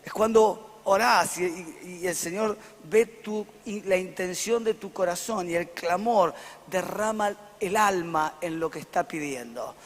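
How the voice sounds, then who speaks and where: High-voiced Argentine pastor, echoey hall. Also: male voice, a little slow. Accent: Argentine Rioplatense Spanish. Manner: emphatic preaching, checks in with the congregation with frequent "¿sí?". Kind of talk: sermon. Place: church hall before a congregation.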